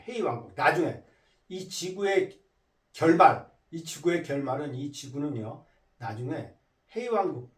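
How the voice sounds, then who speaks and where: A man with a high, very lively voice, teaching English through Bible verses. He repeats words over and over to drill their pronunciation. He is recorded a little off-mic in a roomy space. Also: recorded from a distance.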